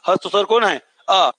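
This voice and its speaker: A man's voice: high voice, sharp tone, no room sound, rough recording. A man teaching a classroom lesson. He repeats each point, asks the class to say it back, and draws out vowels to show how long they last. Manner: stretches out vowels to show their length. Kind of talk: classroom lecture.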